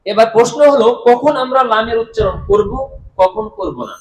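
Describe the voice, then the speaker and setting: A male teacher with a high voice lectures in a room with lots of echo. He drills the class by asking a question and then giving the answer himself. He stretches out each example word so the students can follow. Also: gravelly. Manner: repeats key terms and quizzes the class with questions he then answers; drawn-out, deliberate pronunciation of example words. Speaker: Arabic grammar teacher. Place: madrasah classroom. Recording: echoey room.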